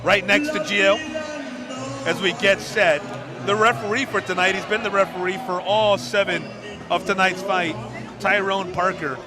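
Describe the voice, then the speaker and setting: A man's voice: high-pitched, steady tone, normal speed. A man giving live boxing commentary as he covers the fighters' entrances and statistics. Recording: loud crowd and music behind. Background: arena crowd and music.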